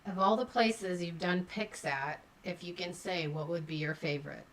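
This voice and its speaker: Woman co-host reading chat questions, lowish voice, faint background noise. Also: normal speed, fairly bright tone. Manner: brief, reads out questions. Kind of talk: casual livestream chat.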